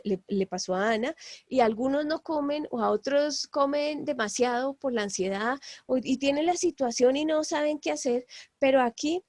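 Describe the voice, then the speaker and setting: Woman, Bible class teacher, hesitant delivery full of fillers, gravelly voice, dry close sound. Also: high-pitched, darkish tone, dry recording. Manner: hesitant, many fillers and tag questions. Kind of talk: Bible lesson.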